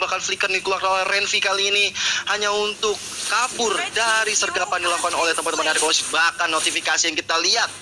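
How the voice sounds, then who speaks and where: An Indonesian man commentating live on a video game match in an excitable fighting game announcer style. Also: sits high, noisy background. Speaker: esports commentator. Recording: music running under the voice.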